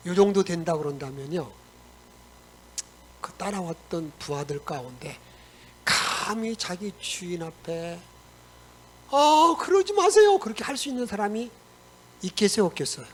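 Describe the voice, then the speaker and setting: High-voiced animated pastor preaching. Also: male voice, moderate pace, long pauses, slight background noise, poor audio. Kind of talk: lively Sunday sermon. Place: church sanctuary.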